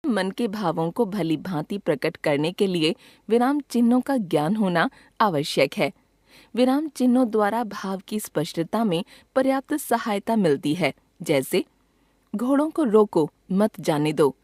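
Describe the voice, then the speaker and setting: A woman's voice: mid-range voice, no room sound, clean studio sound. Woman reading a grammar lesson evenly. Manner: measured, even reading with clear pauses at each item. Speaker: grammar textbook reader. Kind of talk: scripted lesson narration.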